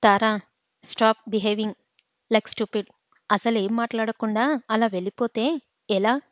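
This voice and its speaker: A woman's voice: a little high, steady tone, normal speed, dry recording, natural voice. A woman voicing a pushy, hot-tempered young man who demands answers and then pleads, in a storybook reading. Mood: demanding. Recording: dull dry lo-fi recording.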